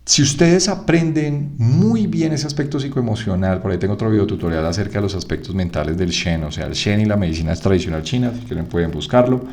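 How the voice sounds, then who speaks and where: Low gravelly Colombian man lecturing. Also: fast talker, few pauses. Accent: Colombian Spanish. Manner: lively teaching, frequent "¿sí?" checks, acts out students' objections. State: one ear feels blocked. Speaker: acupuncture teacher. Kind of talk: online lecture.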